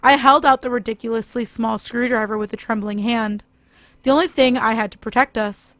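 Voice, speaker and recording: A woman narrating a first-person horror story in a steady, scripted delivery. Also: on the high side, a little fast, no echo.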